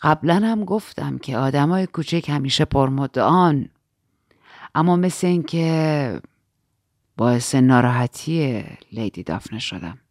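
A woman voicing a sly, scheming male count who speaks slowly with a smile. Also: sits low, lively intonation, a little mellow, no echo, studio quality, voice pushed down. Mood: smug calm. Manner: slow, smiling, teasing.

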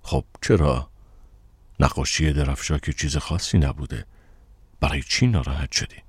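A man reading an audiobook, voicing a curious male barman with a low, teasing, impatient tone. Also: husky, no room sound. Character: curious male barman, nosy and eager listener.

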